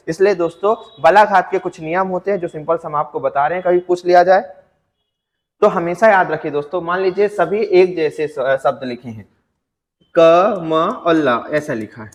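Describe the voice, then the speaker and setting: A male teacher giving an exam-prep grammar lecture, asking his students questions and answering them himself, and drawing out example words slowly to show stress. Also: sits high, big-room sound. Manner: addresses students as friends, asks and answers own questions.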